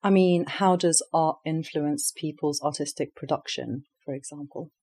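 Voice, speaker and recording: A woman with a low, slightly mellow voice hosts a podcast interview at a moderate pace. She asks her questions steadily and backs up the answers with brief affirmations.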